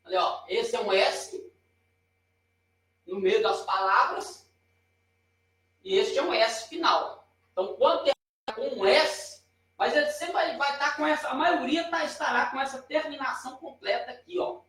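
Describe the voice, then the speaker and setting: High-voiced Brazilian man teaching, very echoey. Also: a little slow, long pauses, a bit bright, far from the mic. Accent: Brazilian Portuguese. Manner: chatty, pointing and writing as he explains, self-correcting. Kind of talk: informal lesson at a whiteboard. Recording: very echoey room, voice off-mic.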